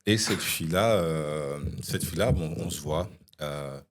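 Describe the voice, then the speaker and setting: A young man, a podcast guest, telling an animated anecdote in casual chat, with frequent "you see" asides. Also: rumbling low, unhurried.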